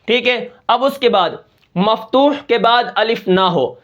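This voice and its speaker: Patient Urdu tajweed teacher, high voice. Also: male voice, fairly bright tone, lo-fi sound. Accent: Pakistani Urdu. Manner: patient, repeats "theek hai" and drills sounds slowly. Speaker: Quran recitation teacher. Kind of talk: tajweed lesson with recited examples.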